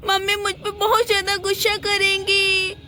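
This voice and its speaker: A woman's voice: very high voice, little pitch movement, moderate pace, pushed and bright, a little hiss or hum. A woman voicing a whiny little girl in a doll play, sobbing and pleading. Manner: whining, sobbing.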